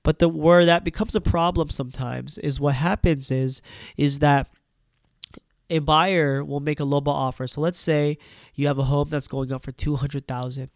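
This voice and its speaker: A man, stuffed up from a cold, talks through home-buying advice in a relaxed, chatty way. His voice sits a bit high and has a gravelly edge, and the sound is dry and close. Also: normal speed, dry recording. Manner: conversational, tags points with "right?" and "you know". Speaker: real estate agent. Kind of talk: casual advice talk to camera.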